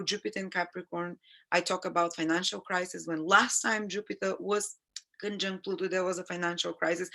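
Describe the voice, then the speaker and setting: A woman with a medium-pitched, fairly bright voice hosts her own astrology channel's live stream. She's sick with a sniffly nose and chats about the forecast in a rambling, earnest way.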